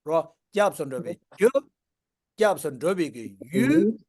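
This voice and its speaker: A man with a fairly high voice leads a Buddhist class. He reads a text aloud and explains it in measured, unhurried phrases. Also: sing-song, darkish tone, slightly rough. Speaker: Buddhist teacher. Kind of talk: teaching a dharma class.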